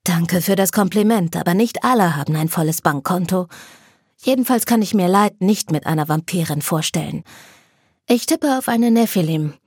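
A soft-spoken teenage vampire boy from a storybook, read by a woman in her own breathy voice, calm and soothing. The sound is close and dry. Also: lowish voice, normal speed, no echo. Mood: gentle. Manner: gentle, soothing.

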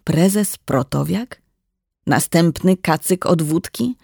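Narrator playing a firm, earnest wife in a storybook, gravelly voice, dry close sound. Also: mid-range voice, slow, dry recording, full character voice. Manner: calm, then firm and warning. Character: woman doctor nearing forty, steady wife.

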